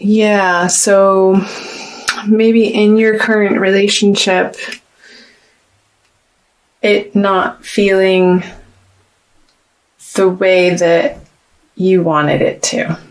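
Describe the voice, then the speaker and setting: A woman giving a casual tarot reading, talking slowly and reflectively with halting restarts and pauses as she consults the cards. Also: medium pitch, level tone, low-quality recording. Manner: slow, halting, with many restarts and ums. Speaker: tarot reader.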